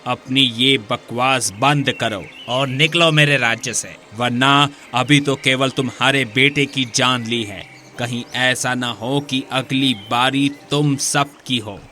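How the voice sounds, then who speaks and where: A storyteller voicing an arrogant, cruel king in an animated story, speaking in a harsh, commanding way. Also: medium pitch, takes it slowly, slight background noise, voice pushed down. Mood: arrogant, threatening. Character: arrogant cruel male king, middle-aged.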